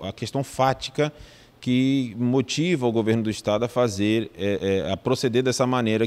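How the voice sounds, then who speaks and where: Brazilian man, legal adviser, formal measured delivery, reverberant room. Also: on the low side, darkish tone. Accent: Brazilian Portuguese. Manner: measured, formal, with frequent restarts and fillers. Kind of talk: formal legal explanation in an interview.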